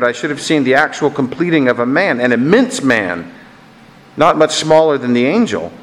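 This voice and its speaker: Preacher reading aloud in a reverberant hall. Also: male voice, mid-range voice, a bit bright, slight background noise. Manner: earnest, deliberate storytelling. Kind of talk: sermon with read-aloud story.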